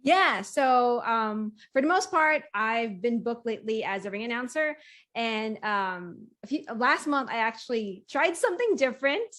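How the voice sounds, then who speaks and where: Woman, interview guest, somewhat high pitch, conversational storyteller, smiley delivery. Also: animated, moderate pace, a bit bright. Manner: smiles and laughs often. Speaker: wrestling ring announcer and commentator, interview guest. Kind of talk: casual interview chat, storytelling.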